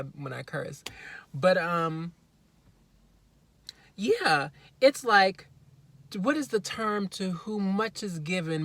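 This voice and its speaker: A woman giving a casual spiritual self-help talk, chatty and earnest, rambling with asides and breaking into loud emphatic moments. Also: sits low. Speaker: vlogger.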